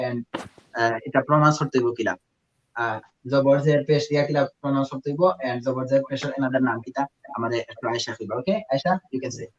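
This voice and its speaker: A man with a Sylheti accent leads a live online recitation lesson at an ordinary pitch. He drills each sound patiently and slips English into his speech. The video call audio is dull and lo-fi. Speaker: Quran teacher.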